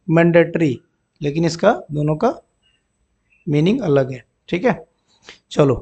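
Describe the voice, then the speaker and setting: Preparing students for bank exams, this male tutor explains English words in Hindi, repeats terms, and keeps asking "ठीक है ना" to check understanding. He has a high, gravelly voice with a darkish tone, and he reads example sentences at a slow, deliberate pace.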